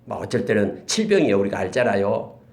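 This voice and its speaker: A male pastor preaching a sermon, moving between loud, stirring exclamations and hushed, whispered asides. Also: lowish voice, very animated, quick pace, gravelly. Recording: roomy echo.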